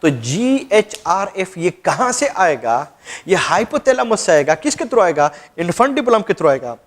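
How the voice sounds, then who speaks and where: Man, high voice, classroom lecture, quizzes then answers himself. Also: sing-song, unhurried. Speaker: teacher.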